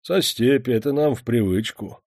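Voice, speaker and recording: A man doing a calm old wandering peasant. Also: medium pitch, no room sound, studio quality, lightly acted. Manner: unhurried, speaks in folk sayings. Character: weathered calm old male wanderer, folksy.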